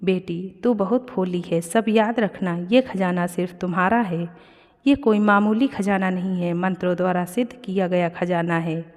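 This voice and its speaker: A woman's voice: fairly low pitch, steady tone, moderate pace, a little mellow, natural voice. Woman voicing a wise old guardian woman, solemn, reverby. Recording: long reverb.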